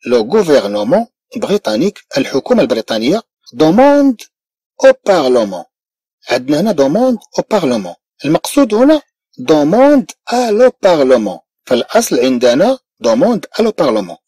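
A man with a Moroccan Arabic accent teaching a French grammar lesson, moving between lively explanation and slow, carefully spoken model sentences. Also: a little high, husky, no echo.

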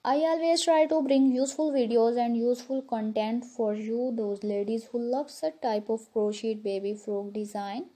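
A woman's voice: fairly high pitch, moderate pace, few pauses, mellow. A woman narrating a showcase as a channel host, in effusive, repetitive phrasing.

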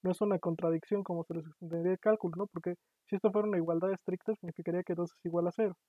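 A man's voice: high voice, steady tone, racing, no room sound. A man giving an online programming lecture, explaining patiently and often checking in with his students. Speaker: university lecturer. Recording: tinny, dry, phone-like online class audio.

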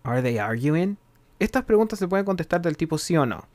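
A man giving a recorded English grammar lesson, explaining in Spanish and reading English examples slowly and carefully. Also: a little high, very animated, a little mellow, no room sound. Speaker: English teacher.

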